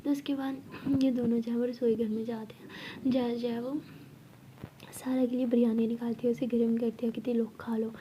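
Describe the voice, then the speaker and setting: A young woman narrating a serialized romance story in a soft, half-whispered voice. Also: on the high side, level tone, moderate pace, a little hiss or hum, low-quality recording.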